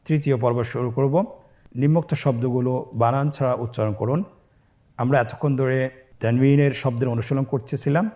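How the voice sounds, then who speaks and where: A man teaching Quran reading in a recorded lesson, breaking words into syllables and blending them, with calm, patient instruction. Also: mid-range voice. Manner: slow, spells syllables then blends them louder.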